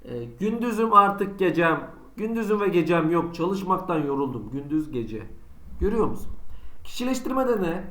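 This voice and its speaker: A man's voice: high-pitched, big pitch swings, normal speed, fairly bright tone, reverberant. A man teaching a school lesson online, asking himself students' questions and answering them in a chatty, teasing way. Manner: conversational, teasing examples. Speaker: Turkish teacher.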